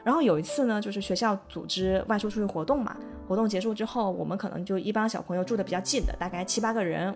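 A woman co-hosting a chatty podcast, telling a childhood story at a quick clip. Her voice sits at an ordinary middle pitch and she laughs easily as she talks. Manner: lively, laughs often while telling a story. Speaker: podcast co-host. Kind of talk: casual storytelling chat.

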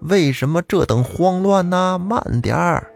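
A man voicing an old mother who speaks softly and asks anxious questions. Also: high-pitched, animated, a little slow, creaky, soft background music, pitched above the performer's own voice, heavily acted. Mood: alarmed. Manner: soft, questioning. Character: old mother, worried, soft-spoken.

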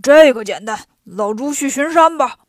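A woman voicing a lazy, boastful male pig-demon disciple who grumbles loudly in a gruff, whiny voice, for a children's story. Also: high-pitched, animated, moderate pace, no echo, studio quality.

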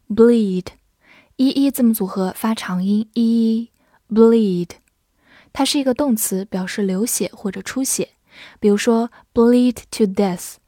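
A woman teaching English vocabulary, spelling words letter by letter and repeating example sentences slowly. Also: fairly high pitch, darkish tone, no echo, clean studio sound. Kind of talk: vocabulary lesson with spelling and slow read-alongs.

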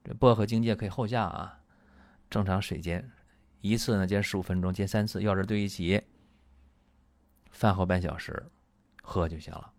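A man hosting a traditional Chinese medicine talk show in a lively, colloquial way. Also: sits low, normal speed, pauses often, no room sound. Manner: lively and colloquial, acts out patients and doctors.

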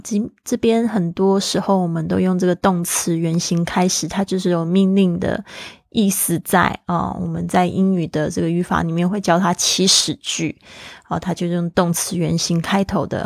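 A woman hosting a casual podcast English lesson, explaining at a chatty pace and slowly repeating phrases for practice, with Mandarin as her first language. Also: lowish voice, gravelly, no room sound, studio quality. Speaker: podcast host and English teacher.

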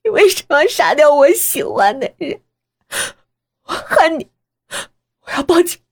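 A woman voicing a distraught young daughter who screams accusations in a shrill, hysterical voice. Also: very animated, a little slow, gravelly, full character voice. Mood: hysterical accusing.

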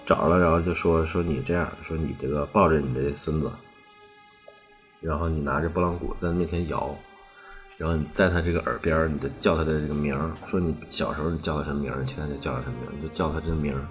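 A podcast storyteller with a very deep voice rattles through a creepy tale at a quick pace yet in a steady tone. The telling is loose and casual, full of "then" connecting clauses and repeated phrases, with soft music in the background.

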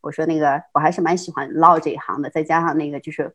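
A middle-aged woman from China, a guest telling her life story in casual conversation, quick and full of restarts and laughs. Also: deep voice, fairly even intonation, a bit bright. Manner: fast, with many repeated words and restarts, frequent laughs. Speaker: interview guest.

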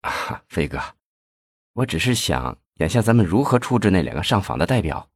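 A man reading the part of a cool-headed, cunning middle-aged police chief, speaking in a calm, measured way. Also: low-pitched, slightly rough, dry recording, studio quality, heavily acted. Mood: calm sly. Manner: calm, measured, quietly sly.

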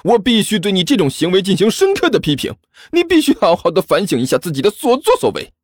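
A man's voice: high voice, fast, no echo, voice pushed up, heavily acted. Man doing a cowardly fawning martial-brother guy, huffs and puffs with fake outrage, stammers when cornered, voice jumping all over, dry close sound, music behind. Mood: blustering. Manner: over-the-top mock indignation, nervous stammering and flattery. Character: cowardly, fawning young male senior martial brother, full of glib excuses. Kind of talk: audiobook character voice.

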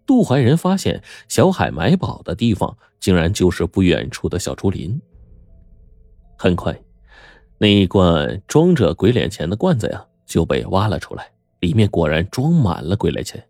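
A man narrating a story in a lively spoken storytelling manner. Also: deep voice, no echo, clean studio sound, faint music behind. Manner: lively spoken storytelling with drawn-out sentence endings.

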